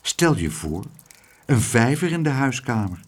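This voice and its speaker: A man's voice: mid-range voice, very animated, measured pace. A man reading an audiobook aloud, voicing a shy, bewildered, homesick boy who speaks earnestly and plaintively. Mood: dismayed.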